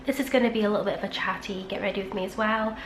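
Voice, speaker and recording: Stuffed up and nasal from a cold, a beauty vlogger chats through her get-ready-with-me makeup routine in a home room next to a busy street. Her mid-range voice runs rapid-fire with a fairly even intonation. The room echoes, and traffic noise comes through.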